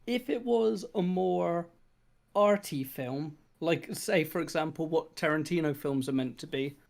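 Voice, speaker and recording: A man's voice: on the high side, unhurried, vocal fry, darkish tone. A man talking on a podcast in a laid-back way, trailing off into hedges. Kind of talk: casual podcast discussion.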